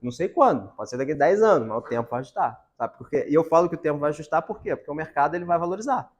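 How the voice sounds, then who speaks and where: A Brazilian man speaks quickly and with a slightly raised pitch, chatting casually about real estate. He drops slang freely and leans on anecdotes to make his points. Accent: Brazilian Portuguese. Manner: animated, slangy, tells anecdotes. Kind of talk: casual talk to colleagues.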